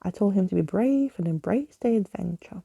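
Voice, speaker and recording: A woman's voice: medium pitch, expressive, moderate pace, creaky, warm tone, slightly rough, no room sound, clean studio sound. A woman voicing a gallant old skeleton adventurer from a storybook, with florid, old-fashioned phrasing. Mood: earnest, grand.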